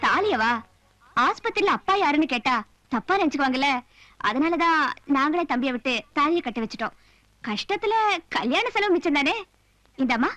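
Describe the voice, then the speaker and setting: A sly, scheming young wife. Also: female voice, high voice, lively intonation, brisk, long pauses, a bit bright, no echo, faint music behind. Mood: mocking. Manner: sly, mocking. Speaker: daughter-in-law. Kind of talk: 1980s film acting.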